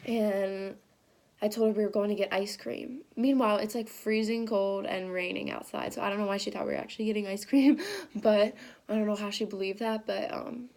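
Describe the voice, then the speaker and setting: Excited teenage girl telling a story. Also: mid-range voice, a little fast. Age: teens. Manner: excited, rambling with frequent "like" and "um". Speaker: high school student telling a story. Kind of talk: casual storytelling.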